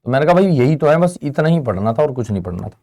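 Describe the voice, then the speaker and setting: A young man teaching an online Hindi exam-prep lesson in a chatty way, calling his students friend and brother, acting out their replies, and slowing down to drag out key definitions. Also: medium pitch, sing-song, warm tone. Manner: slows down and drags out key definitions.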